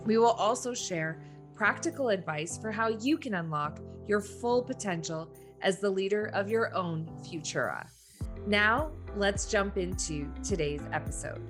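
Woman, podcast host, upbeat and enthusiastic, average pitch, faint music underneath. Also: lively intonation, measured pace. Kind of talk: interview podcast hosting.

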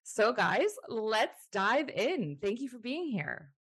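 A woman's voice: a little high, sing-song, takes it slowly, fairly bright tone, breathy edge. A woman hosting an interview podcast, reading introductions and asking questions with upbeat enthusiasm. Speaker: podcast host.

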